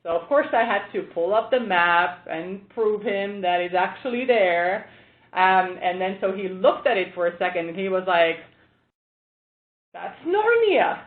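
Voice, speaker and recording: Female expert presenter from Estonia, mid pitch, casual anecdotal delivery; echoey, tinny audio. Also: animated, measured pace. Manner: chatty, storytelling with fillers. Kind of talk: conversational presentation. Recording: tinny phone line, echoey room.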